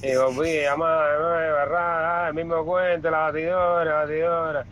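A man's voice: fairly high pitch, little pitch movement, normal speed, a bit bright, a little hiss or hum. A man on a radio show telling a joke, acting out the voices in it. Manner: storytelling, acts out voices. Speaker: radio co-host.

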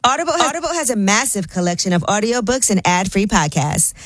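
A woman hosting a radio talk show, reading segments and ads in a smooth radio host delivery. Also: medium pitch, sing-song, fairly quick.

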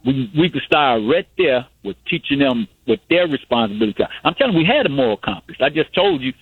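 Calling into a radio show to debate, this man in his sixties keeps hammering his points, repeating himself insistently. He talks fast in a mid-range voice with a breathy edge and big pitch swings, heard over a tinny phone line with no echo.

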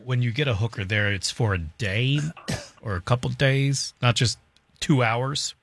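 A man co-hosting a radio show, teasing the others with quick quips. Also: medium pitch, fairly even intonation, a bit bright. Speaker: radio co-host.

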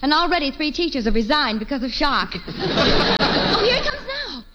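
A woman's voice: high voice, huge pitch swings, normal speed, heavy background noise. A woman playing a chatty young boy's mother in an old-time radio comedy. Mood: cheerful, chatty. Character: mother of a small mischievous boy, chatty.

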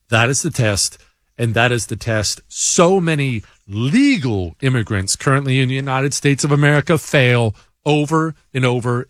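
In a dry, studio-quality recording, a male show host of medium pitch and fairly bright tone reads listener emails and launches into a combative, blunt monologue. He stammers whenever he restarts a line.

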